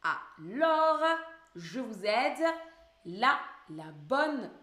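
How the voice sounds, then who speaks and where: A woman's voice: fairly high pitch, very animated, drawn-out words, fairly bright tone, echoey room. A woman teaching French in a live online lesson, patiently repeating words and questions for her viewers.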